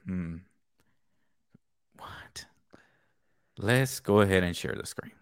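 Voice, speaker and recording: Low-voiced frat-bro guy talking sports. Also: normal speed, smooth, no room sound, clean studio sound. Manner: laid-back frat-bro talk, swearing, peppered with "dude" and "man". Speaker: co-host of a sports talk live stream. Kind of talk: casual sports banter.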